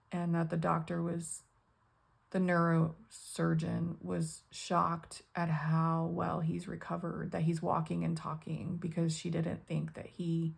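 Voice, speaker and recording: Gravelly, slow-talking older woman vlogger. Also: lowish voice, darkish tone. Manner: halting, with many ums and pauses. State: tearful, on the edge of crying. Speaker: budgeting channel host. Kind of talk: casual personal vlog talk.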